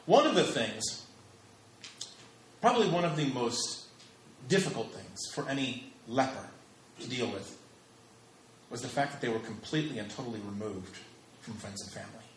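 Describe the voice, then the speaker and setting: A man's voice: medium pitch, animated, moderate pace, long pauses, slight background noise. A man in his thirties preaching a sermon, emphatic and repeating phrases for stress. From United States. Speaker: pastor. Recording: echoey hall with faint ambience.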